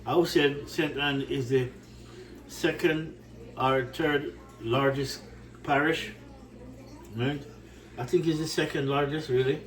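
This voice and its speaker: Taking it slowly and pausing often, a Jamaican-accented man chats with his cooking channel viewers from his home kitchen in a mid-range, fairly even voice. Warm and repetitive, he rambles and asks "right?" a lot; the low-quality recording uses a distant mic.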